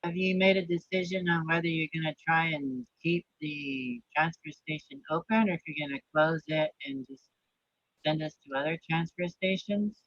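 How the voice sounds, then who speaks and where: A man's voice: on the high side, normal speed, creaky, fairly bright tone, slight background noise. A man asking plain, direct questions at a public meeting, sounding muffled and distant as if through a wall on a video call. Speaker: commission member asking about his district. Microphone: computer mic on a video call.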